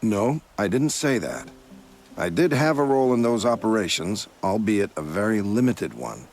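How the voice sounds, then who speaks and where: An actor playing a courteous, evasive male commander who smoothly denies wrongdoing. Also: lowish voice, big pitch swings, normal speed, a little mellow, soft background music. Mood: smooth denial.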